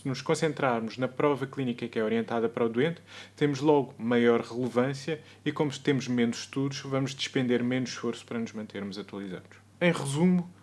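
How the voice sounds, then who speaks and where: A male medical lecturer with a European Portuguese accent, talking through a recorded video lesson. His delivery is measured and explanatory, and he sometimes corrects himself mid-sentence. His voice sits at an ordinary middle pitch for a man.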